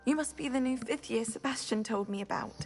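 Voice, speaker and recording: An actress as a soft-spoken, weary young witch under a curse, raised pitch, faint music behind, for a game. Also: brisk, lightly acted. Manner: soft, weary, at times breathy. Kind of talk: video game dialogue.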